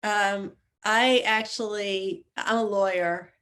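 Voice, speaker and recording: A woman lawyer speaks on a video call in a flat, even voice. She explains her view in a measured way, without much rise and fall. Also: mid-range voice. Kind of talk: casual chat.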